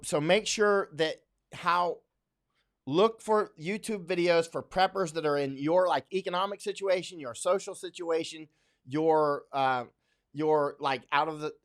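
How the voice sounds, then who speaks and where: A man from Florida hosting a casual livestream, reading viewer comments aloud and answering them in a rambling way full of fillers and restarts. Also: on the high side. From Central Florida, USA. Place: home in Thailand.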